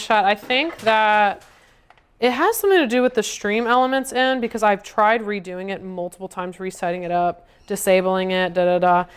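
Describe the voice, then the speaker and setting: A woman's voice: mid-range voice, smooth. A woman livestreaming from her home kitchen, chatting to viewers while she cooks. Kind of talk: casual livestream chat.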